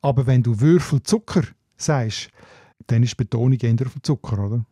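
Swiss man explaining, mellow and dry. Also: medium pitch, fairly quick, slightly rough, no echo. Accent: Swiss German. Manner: explanatory, tag questions ending in "oder?". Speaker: linguist co-host. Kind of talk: casual radio chat.

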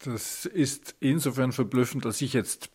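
A man from Switzerland hosting an interview, asking measured, probing questions. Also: medium pitch, darkish tone, breathy edge. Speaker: interviewer, host. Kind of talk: radio interview.

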